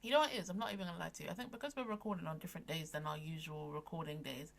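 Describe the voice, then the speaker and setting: A woman co-hosts a casual podcast chat, her voice sitting notably low. She talks loosely, laughs often and trails off into restarts. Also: very fast, creaky. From London. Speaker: podcast co-host.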